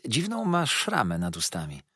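A man reading an audiobook voices a confident young gentleman with a cool, dismissive manner. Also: medium pitch, huge pitch swings, normal speed, slightly rough, no room sound, clean studio sound, exaggerated voice.

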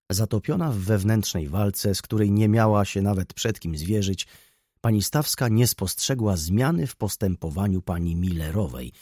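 A man narrating a classic novel as an audiobook in an expressive storytelling manner. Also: on the low side, husky, no room sound, studio quality. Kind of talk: scripted literary narration.

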